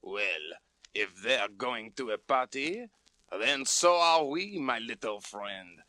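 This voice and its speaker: An actor playing a pompous, irritable, bungling detective inspector, in a comic radio drama for children. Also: male voice, mid-range voice, animated, takes it slowly, sharp tone. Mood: scheming, boastful. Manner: pompous, boastful, theatrical. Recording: vintage children's LP with prominent music.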